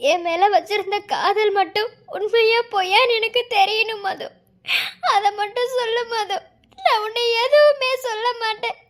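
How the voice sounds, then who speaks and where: A voice actor playing a heartbroken young man who tearfully pleads with his lover in a cartoon love story. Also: a bit bright. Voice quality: high, sped-up cartoon voice. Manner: tearful, begging.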